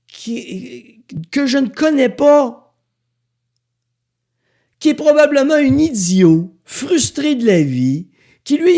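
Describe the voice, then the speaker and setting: A Québécois man gives a motivational podcast monologue in a blunt, sarcastic, profane way. His voice sits a little high and leaps around in pitch. He talks straight to the listener as if to a friend. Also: darkish tone. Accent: Québécois French. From Quebec. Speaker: podcast host.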